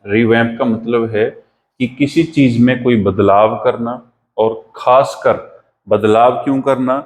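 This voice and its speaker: A man teaching English vocabulary in a classroom-lesson style, with an Indian accent, repeating each word slowly for pronunciation drills. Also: mid-range voice, fairly even intonation, rough recording.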